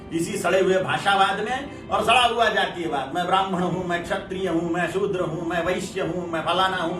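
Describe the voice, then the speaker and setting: A man with a notably high voice delivers a fervent religious discourse, declaiming list after list of repeated phrases. He sounds set back from the microphone in an echoey room, with clear music playing underneath. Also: recorded from a distance. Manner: emphatic, declaiming in long repeated lists. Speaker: religious preacher.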